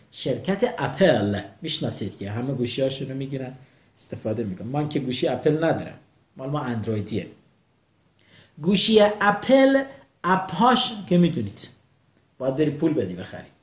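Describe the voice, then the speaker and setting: A man teaching English words through memory tricks. His voice sits fairly high, and he drills each word by saying it several times. The sound is roomy and echoey. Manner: animated, drills words by repetition. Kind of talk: mnemonic vocabulary lesson.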